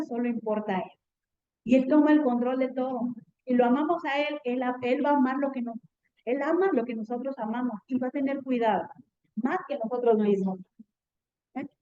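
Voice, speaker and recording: A woman's voice: high voice, moderate pace, lo-fi sound. A woman teaching a Bible class in an earnest tone, often checking in with her students.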